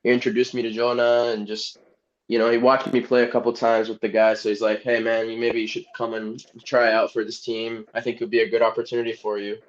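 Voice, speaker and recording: A young Egyptian soccer player, a guest on a casual podcast, talks easily and rambles, laughing often. His medium-pitched voice is completely flat and fast. The lo-fi audio sounds dull, with a little hiss or hum.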